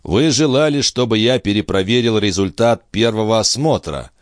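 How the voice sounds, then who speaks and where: A man voicing a calm, firm middle-aged doctor in an audiobook, speaking in a measured, insistent way. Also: on the low side, no echo, clean studio sound, close to an everyday voice.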